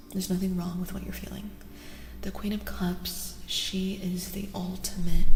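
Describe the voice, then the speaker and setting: A woman streamer gives a soft-spoken ASMR tarot reading, shifting between a breathy whisper and a soft voice of fairly low pitch. She is soothing and gently reassuring, repeating phrases slowly, and the recording has a reverberant echo with music behind it.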